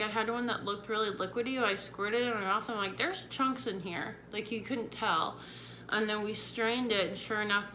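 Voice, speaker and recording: A woman's voice: medium pitch, bright, forceful tone, rough recording. A woman one week into jaw surgery recovery talks casually to viewers, explaining things in a chatty, informal way. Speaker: vlogger sharing surgery recovery tips. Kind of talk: casual vlog talk to viewers. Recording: clear background noise.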